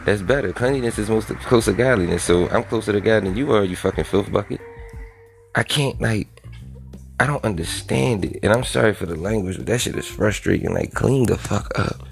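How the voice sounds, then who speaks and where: A man's voice: on the low side, fairly quick, gravelly, soft background music. A man ranting bluntly and profanely in a casual monologue.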